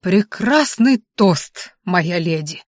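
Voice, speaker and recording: A woman's voice: fairly low pitch, expressive, takes it slowly, no room sound, studio quality. A woman doing a wheezy drawling tipsy prince.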